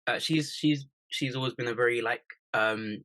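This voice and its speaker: A man's voice: mid-range voice, moderate pace, pushed and bright, low-quality recording. A young man in his early twenties from East London, co-hosting a podcast in a playful, joking casual chat. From East London, England. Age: 20s. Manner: playful, jokey. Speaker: podcast co-host.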